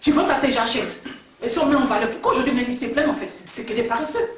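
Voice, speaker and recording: An actress playing a hotheaded big sister who scolds and mocks. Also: female voice, high-pitched, fast talker, natural voice. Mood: ranting. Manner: quarrelsome, scolding, mocking. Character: hotheaded Bété big sister, proud and stubborn. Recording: roomy and distant, faint hiss.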